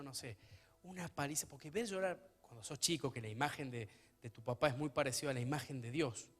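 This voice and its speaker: A man preaching a sermon as pastor of a church, his delivery swinging between hushed, intimate stretches and loud, emphatic ones. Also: on the high side.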